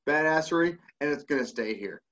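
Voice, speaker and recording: A middle-aged American man banters on a podcast in a bright, forceful voice. He is joking and irreverent, and the recording is slightly dull and lo-fi. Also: fairly high pitch, animated, fairly quick. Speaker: podcast co-host. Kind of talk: casual banter.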